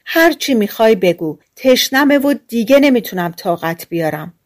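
A woman's voice: on the high side, expressive, close to an everyday voice. A woman reading aloud and voicing a young boy, a thirsty and stubborn little brother who speaks wearily but insists. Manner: weary, insistent. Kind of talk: storybook reading.

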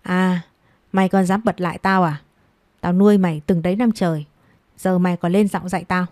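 A woman's voice: fairly low pitch, steady tone, fairly quick, darkish tone, dry recording, studio quality, lightly acted. A woman voicing a cruel, scornful middle-aged stepmother who scolds harshly and taunts with contempt. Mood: scornful scolding.

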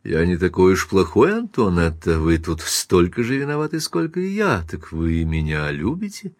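A man reading a commanding, gently insistent businessman in an audiobook, speaking low and unhurried. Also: very animated, dry recording, studio quality. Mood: tender, coaxing.

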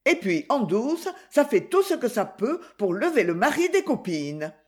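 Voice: mid-range voice, big pitch swings, measured pace. A reader voicing a furious, jealous young female cabaret dancer who shrieks insults in an audiobook. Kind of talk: audiobook reading.

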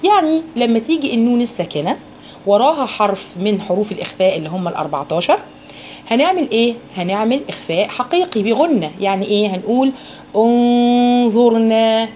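A woman's voice: on the high side, sing-song, quick pace, darkish tone, slight background noise. A woman with an Egyptian accent teaching a Quran recitation lesson to women. She explains each rule patiently, asks her students questions and models every sound. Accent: Egyptian Arabic.

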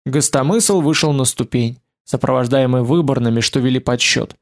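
A man reading an adventure novel aloud as an audiobook narrator, telling the story in a steady, vivid way. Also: mid-range voice, normal speed, gravelly.

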